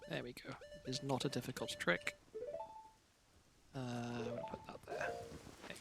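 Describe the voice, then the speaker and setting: Sleepy, gravelly-voiced male streamer. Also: medium pitch, fairly even intonation, normal speed, loud music behind the voice. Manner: mumbled running commentary to himself, dry and self-deprecating. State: sleepy, yawning. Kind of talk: casual gameplay commentary.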